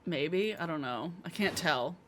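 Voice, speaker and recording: A woman's voice: deep voice, animated, unhurried, fairly bright tone, slight background noise. A woman giving casual commentary as she plays a video game. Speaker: gamer reacting to a playthrough. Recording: music playing under the voice. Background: game music.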